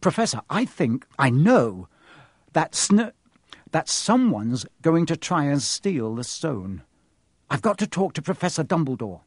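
Earnest, anxious schoolboy, read by a man, slightly raised pitch, storybook role. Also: sing-song, a little slow, breathy edge, no echo, studio quality, heavily acted. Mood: urgent. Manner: urgent, earnest.

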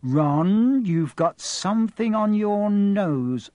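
Brief: male narrator voicing a doting, nagging storybook mum, higher voice. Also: lively intonation, takes it slowly, a little mellow, dry recording. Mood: fussing. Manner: scolding, fond. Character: fussing motherly woman, middle-aged.

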